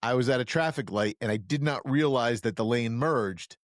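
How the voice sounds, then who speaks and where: A man hosting a podcast in casual interview chat, joking and telling quick stories. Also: mid-range voice, no room sound, clean studio sound. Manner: chatty, joking, quick storyteller. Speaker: podcast host.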